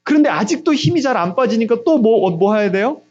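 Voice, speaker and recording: High-voiced Korean pastor preaching. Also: male voice, animated, brisk, dull audio. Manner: asks the congregation questions and answers them himself; acts out God's voice with quiet, low asides. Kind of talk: sermon.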